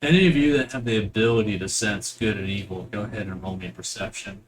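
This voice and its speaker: A man's voice: lowish voice, fast talker, poor audio. A man acting as game master, casually narrating a tabletop game with improvised, descriptive storytelling.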